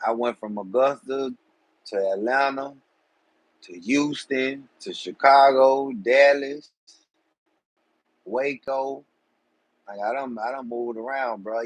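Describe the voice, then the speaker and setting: A man chats loosely with his live-stream viewers in streetwise slang. His voice sits at an ordinary pitch with a husky, slightly rough edge. The sound is dry, with no room echo. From Georgia, USA. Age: 40s. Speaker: livestream host.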